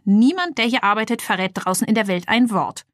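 A woman's voice: mid-range voice, expressive, no room sound, clean studio sound, lightly acted. A woman playing Robob, a proud little toy robot. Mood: explaining. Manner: proud, eager, brisk. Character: cheerful little transforming toy robot, male.

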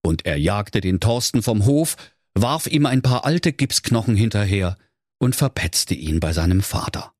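A man telling a comic fairy tale to children in a playful, animated storytelling manner. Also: on the low side, a little slow, no room sound, clean studio sound.

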